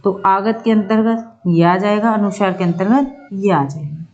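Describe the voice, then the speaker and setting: A woman teaching Hindi grammar in an exam-prep lecture, slowly repeating each point and checking in with her students. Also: mid-range voice, darkish tone, highs cut off. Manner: slow, repeats points, keeps checking with "ठीक है".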